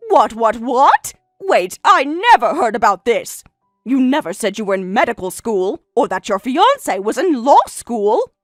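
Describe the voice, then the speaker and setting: A snobbish, easily scandalized sister-in-law played by a woman from a family drama story. Her voice sits fairly high and swings widely as she blusters in disbelief. The sound is dry and close, over faint music. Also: big pitch swings, normal speed, a little mellow, dry recording. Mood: flustered shock. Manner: incredulous, blustering, repeats words when flustered. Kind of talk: acted dialogue in a narrated family drama.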